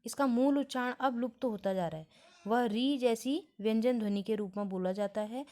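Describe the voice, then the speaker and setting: A woman's voice: on the high side, moderate pace, dark tone. A woman teaching a grammar lesson step by step, often checking that her students are following.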